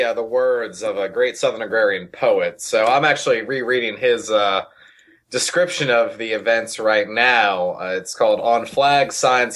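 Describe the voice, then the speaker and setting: A man's voice: mid-range voice, a bit bright. A man speaking as an activist guest in a casual, rambling conversation. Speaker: interview guest, political activist.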